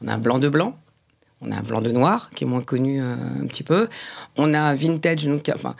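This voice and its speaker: A woman with a gravelly, slightly husky voice talks through a process in an interview. She stumbles and restarts her phrases often, repeating small words as she searches for the right term. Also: a bass voice, a little mellow. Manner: halting, frequent restarts. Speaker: champagne producer. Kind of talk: explanatory interview talk.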